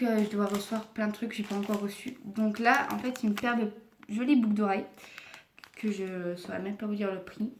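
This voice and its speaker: A young woman chats through a home unboxing in a halting, filler-heavy way. She keeps apologizing as she goes. Her voice bounces off the walls of an echoey room, with clear background noise underneath. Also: mid-range voice, darkish tone. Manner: hesitant, many fillers and apologies. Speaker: vlogger. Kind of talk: casual unboxing haul video. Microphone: camera mic.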